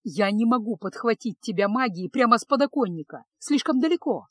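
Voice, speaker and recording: A woman voicing a gruff, impatient young male mage who speaks low, slow and insistent, in a storybook reading. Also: expressive, fairly bright tone, no room sound. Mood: pleading, insistent.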